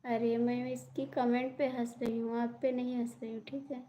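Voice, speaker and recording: High-voiced woman chatting on a live stream. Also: little pitch movement, normal speed, warm tone, a little hiss or hum. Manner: chatty, reassuring, reads out and answers viewer comments. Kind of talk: casual live-stream chat with viewers.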